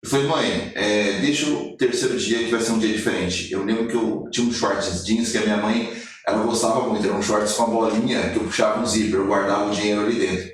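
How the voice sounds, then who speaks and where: Low-voiced man telling his story, echoey room. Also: quick pace, far from the mic. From Brazil. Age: 40s. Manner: animated storyteller, acts out quotes. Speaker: podcast guest, motivational speaker. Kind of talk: storytelling in a podcast interview.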